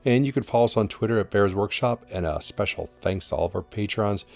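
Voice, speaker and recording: A man hosting his channel, giving a relaxed, casual voice-over update with some filler words. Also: on the low side, a little fast, creaky. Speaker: channel host. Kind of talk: casual voice-over for drone footage.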